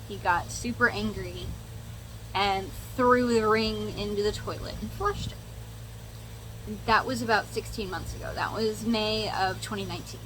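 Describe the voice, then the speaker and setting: A woman's voice: mid-range voice, a bit bright, a little hiss or hum, poor audio. A young woman chatting casually to viewers and telling a story as she does her makeup, candid and sweary with sarcastic asides. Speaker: makeup vlogger.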